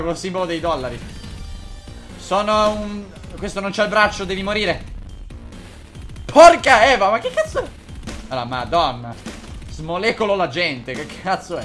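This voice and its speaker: A man with a somewhat high voice talks over a game as a gaming creator. He jokes and curses as he plays. Faint music from the game runs quietly beneath him. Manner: excitable, joking, swears a lot. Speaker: gaming YouTuber. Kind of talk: let's-play commentary.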